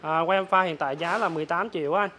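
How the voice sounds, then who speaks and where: Very fast southern Vietnamese man, hard-selling. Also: a little high, bright, forceful tone. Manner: repetitive, informal patter addressed to buyers. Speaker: motorbike salesman. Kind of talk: hard-sell sales pitch, listing prices. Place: large open-sided motorbike warehouse. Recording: clear ambient noise of open warehouse.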